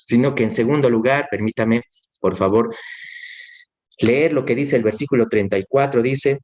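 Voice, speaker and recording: A man with a medium-pitched, slightly mellow voice preaches an earnest sermon at normal speed. He repeats key phrases and speaks straight to his listener, addressing him as brother.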